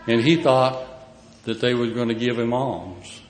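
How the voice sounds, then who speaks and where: A man's voice: mid-range voice, unhurried. Echoey hillbilly-accented man preaching. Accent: rural Ozark hillbilly. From Missouri, United States. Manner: folksy, plain-spoken, emphatic swells dropping to quiet asides. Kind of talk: sermon. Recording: echoey hall, reverberant, faint noise.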